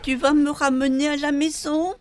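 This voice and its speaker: A man voicing a small trusting girl in a storybook, with a high childlike squeal. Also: little pitch movement, normal speed, a little hiss or hum. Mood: pleading. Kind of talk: storybook character voice.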